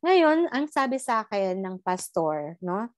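A middle-aged woman from the Philippines giving a personal testimony in an animated storytelling manner, mixing in English and often tagging "no?". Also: mid-range voice, a little slow, no echo. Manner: animated storytelling, Taglish, tag "no?". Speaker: guest sharing a life story.

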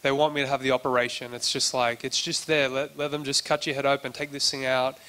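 Bright, clear-voiced male preacher. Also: medium pitch, flat delivery, fast. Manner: conversational, acts out quoted dialogue, frequent restarts. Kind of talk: sermon testimony.

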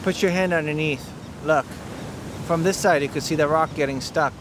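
Outdoors on a sandy lakeshore beach, with wind and waves in the recording, a man with a little high voice talks casually to a toddler at a moderate pace. He films the child's play on a handheld phone and patiently repeats simple instructions.

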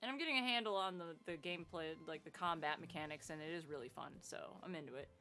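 Bright-voiced woman streamer chatting casually. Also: sits low, quick pace. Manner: sweary, informal. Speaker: game streamer. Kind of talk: casual livestream chat.

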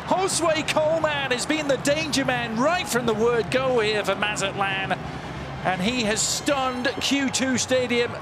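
A man's voice: very high-pitched, measured pace, over loud music. A man giving live play-by-play football commentary. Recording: loud stadium crowd noise. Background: stadium crowd.

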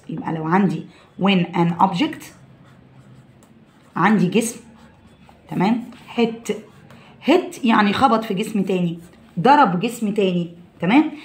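A woman with an Egyptian Arabic accent, teaching a science lesson to children, mixing English terms into her explanations and checking often that they follow. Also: medium pitch.

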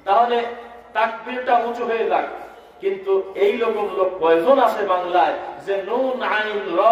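A man with a Bangladeshi Bengali accent preaching to a crowd, asking them to answer back and chanting verses in a slow melodic recitation. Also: high-pitched, muffled recording. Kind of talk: sermon at a religious gathering. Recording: very echoey hall, speaker far from mic.

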